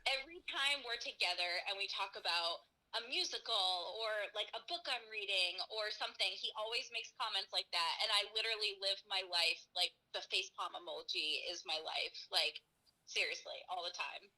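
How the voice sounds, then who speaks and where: A young woman telling a story in a casual chat, animated, laughing and swearing freely. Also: medium pitch, normal speed, poor audio. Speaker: girlfriend answering viewer questions.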